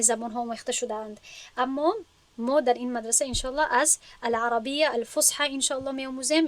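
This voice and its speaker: A woman teacher, her voice pitched somewhat high, speaks in an earnest, instructive lecture manner, often restating a point in other words. The recording is dry and close, with no room sound. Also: no echo. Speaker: teacher at an Islamic school for women. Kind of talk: lecture to students.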